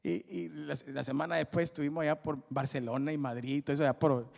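A man's voice: fairly high pitch, fast, vocal fry. A man giving a humorous testimony at a church service, acting out scenes as he tells them. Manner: animated storyteller, acts out scenes with jokes. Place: large church auditorium. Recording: echoey hall with faint music.

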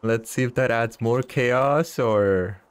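A man in his thirties streams a fishing game, his mid-range voice clean as he chats casually. He chuckles often and teases his viewers in playful banter.

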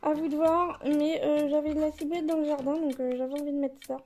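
A home cook vlogger in her thirties, whose warm voice sits high and stays level, talks fast through a cooking tutorial in her kitchen. She's chatty, uses lots of fillers, and laughs at herself, with soft music playing behind her.

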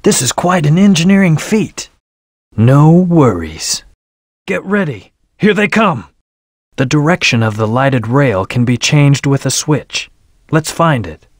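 Brooding hedgehog antihero from a video game, terse n serious, higher pitched male voice, really dry clean sound. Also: expressive, a little slow, no room sound. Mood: determined. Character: brooding, aloof male hedgehog antihero, commanding team leader. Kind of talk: English video game voice acting, short battle callouts.

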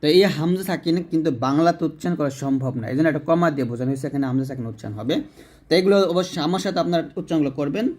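A man's voice: a little high, darkish tone. Man teaching Quran recitation, letter by letter. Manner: explains letter by letter, then recites slowly with drawn-out tones.

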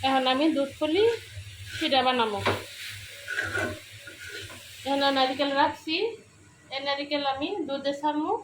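A woman's voice: high-pitched, fairly even intonation, measured pace, pauses often, background noise. A woman from Brahmanbaria with a Brahmanbaria Bengali accent, chatting casually as she demonstrates cooking and explains local words. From Brahmanbaria, Bangladesh. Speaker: cooking vlogger.

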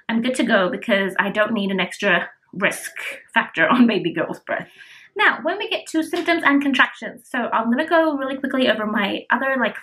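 A young woman with a fairly high voice talks casually to a camera in a small room. She is heavily pregnant and short of breath, and she sounds weary, repeating herself for emphasis in a self-deprecating way. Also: fairly bright tone, low-quality recording. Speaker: vlogger. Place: small furnished room indoors. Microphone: camera at about arm's length.

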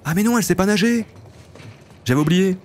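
Casual gameplay commentary comes from a man in his late twenties whose voice is high-pitched and a little fast. He talks to viewers in a relaxed, loose manner while he plays, and a faint hiss is audible.

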